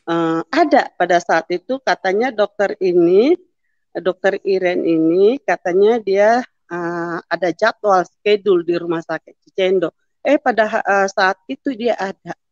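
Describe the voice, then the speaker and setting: A woman's voice: mid-range voice, unhurried, darkish tone, dry recording. Middle-aged woman, testimony, storytelling, voices the dialogue, dry close sound, dull lo-fi audio. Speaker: testimony speaker. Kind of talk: personal testimony in church.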